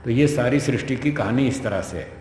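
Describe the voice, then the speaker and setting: A man's voice: medium pitch, brisk, darkish tone. A man gives a scripture lecture as a spiritual teacher, talking it through conversationally and acting out the dialogue. His voice rings around a large hall, with a long reverb tail. Faint background noise sits underneath. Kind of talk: lecture explaining a scripture to students.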